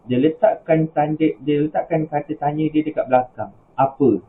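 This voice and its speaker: A man's voice: on the high side, steady tone, moderate pace. A man with a Malaysian Malay accent teaching an online religious school class, patiently explaining step by step over a video call. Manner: patient, explains step by step with rising example questions. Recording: tinny phone-like video call audio.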